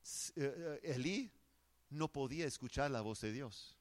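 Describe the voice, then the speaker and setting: A man's voice: mid-range voice, a little slow. A man preaching a sermon in an earnest, emphatic way, often restarting his words.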